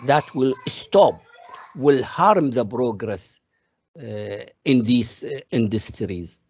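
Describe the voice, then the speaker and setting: A man's voice: mid-range voice, expressive, slow pace, darkish tone, slightly rough, no echo, dull audio. A man from Iraq, giving a classroom economics lecture and explaining each point step by step with examples. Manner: explains step by step through worked examples, calls on students.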